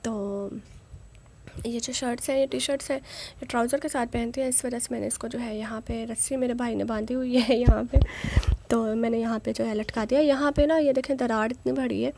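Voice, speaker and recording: A young woman talks through her day in a loose, rambling vlog style, full of fillers. Her voice sits a bit high and carries a gravelly edge. A faint hiss of noise sits behind her. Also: fairly even intonation, fairly quick, darkish tone. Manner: chatty, rambling, with many fillers. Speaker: vlogger. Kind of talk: casual vlog narration.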